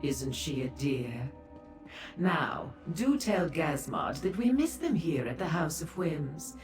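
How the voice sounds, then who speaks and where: An actress playing a flirtatious, theatrical madam of a pleasure house in a fantasy video game, gushing coyly with drawn-out endearments. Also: female voice, low voice, very animated, a little mellow, full character voice. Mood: coy, effusive. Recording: roomy echo with music behind.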